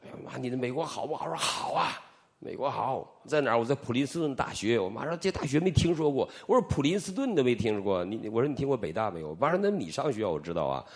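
A man's voice: medium pitch, quick pace. A middle-aged man from Northeast China, a preacher telling his testimony in a sermon and acting out the dialogue as he goes. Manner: animated storytelling, acting out dialogue.

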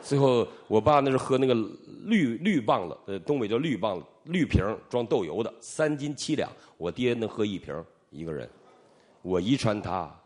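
Animated low-voiced man telling his testimony. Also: normal speed. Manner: animated storytelling, acting out dialogue. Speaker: preacher giving his testimony. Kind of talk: storytelling sermon testimony.

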